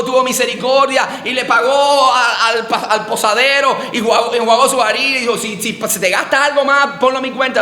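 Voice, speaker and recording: A man preaching a sermon as pastor, asking the congregation questions and swinging between loud and quiet. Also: very high-pitched, echoey room. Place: church sanctuary.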